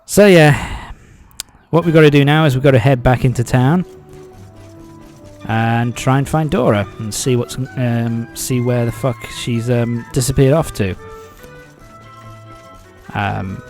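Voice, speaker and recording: A man's voice: mid-range voice, unhurried, long pauses, darkish tone, soft background music. A man casually commentating a video game playthrough, rambling with many fillers, swearing and chuckling. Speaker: let's play host.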